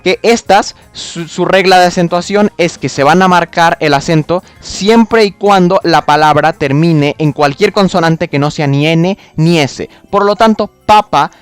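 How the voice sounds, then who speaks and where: A man's voice: a little high, a little slow, few pauses, clear, resonant tone, dry recording, soft background music. A man ranting about spelling rules, exasperated, mocking and full of swearing. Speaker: video creator. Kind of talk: explanatory rant.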